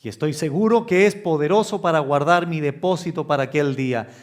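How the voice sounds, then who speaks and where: A male pastor preaching an expository sermon in a slow, emphatic way, often raising his pitch for stress.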